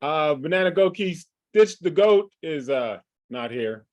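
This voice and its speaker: A man running a livestreamed tabletop game as game master, halting and full of fillers and restarts. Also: a little high, expressive, a little mellow, no echo, highs cut off.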